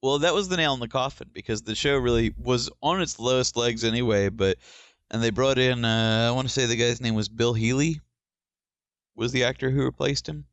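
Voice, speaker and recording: A man's voice: mid-range voice, a little fast, no echo, muffled recording. A man co-hosting a podcast, chatting casually about TV shows and explaining his opinions at length. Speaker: podcast co-host.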